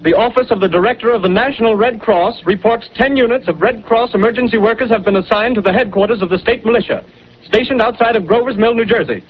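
An actor playing a brisk male radio studio announcer, reading formal bulletins in an old newsreel manner, on a muffled 1930s radio broadcast. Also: sits high, a little hiss or hum. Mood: urgent.

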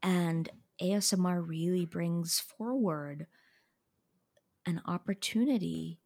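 A woman hosting a conversational interview podcast, speaking haltingly and repeating words for emphasis. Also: fairly low pitch, gravelly, darkish tone, breathy edge. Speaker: podcast host.

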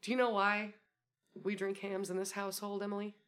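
A woman's voice: medium pitch, little pitch movement, a little fast, a bit bright. A young woman from Wisconsin co-hosting a podcast in casual chat, laughing often and swearing freely. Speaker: podcast co-host.

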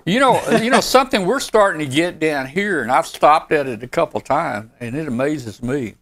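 A man's voice: a little high, moderate pace. A man, enthusiastically telling stories in a casual group chat as host. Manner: excitable, enthusiastic storyteller.

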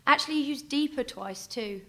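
A sardonic action heroine, played by a woman needles her creator in a high, bright voice. Her delivery is dry and teasing. It sounds like a comedy audio drama. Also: brisk, slight background noise. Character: wry adult female action heroine.

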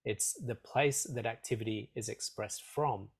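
In an interview, a man from Australia who teaches meditation answers in an earnest, measured way and repeats phrases to stress his points. His voice is medium in pitch with a slight croak.

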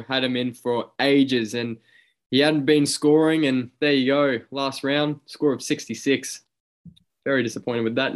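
An Australian man hosting a casual fantasy rugby league chat, talking in a matey, blokey tradesman sort of way. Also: medium pitch.

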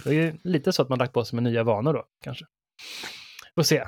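A man's voice: medium pitch, no echo, studio quality. A man chatting casually as a podcast co-host, tripping over a word now and then.

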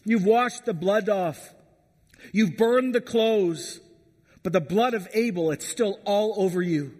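A man's voice: high voice, slow pace, darkish tone. A man voicing God as a stern, accusing judge, declaiming his verdict. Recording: long hall reverb.

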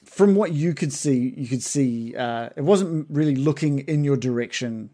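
A mid-pitched man runs a tabletop game as its game master. He narrates in a loose, playful way and laughs often as he goes. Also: normal speed, dark tone.

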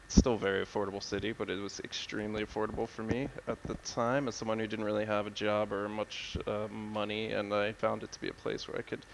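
An American man in his thirties, a guest on a travel podcast, talking in a relaxed, rambling way with many fillers. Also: on the low side, quick pace, gravelly, few pauses, a little hiss or hum, poor audio. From United States. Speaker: guest, city guide editor. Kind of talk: casual podcast interview.

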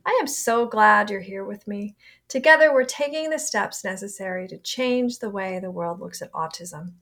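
A middle-aged woman with a raspy, hoarse voice from a cold, hosting a podcast and chatting in a rambling way. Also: mid-range voice, moderate pace, a bit bright. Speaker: podcast host and psychiatry professional. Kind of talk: podcast intro and interview chat.

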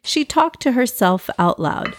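A woman hosting and narrating for children in an expressive fireside storytelling style, speaking straight to young listeners. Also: a little high, measured pace, a little hiss or hum.

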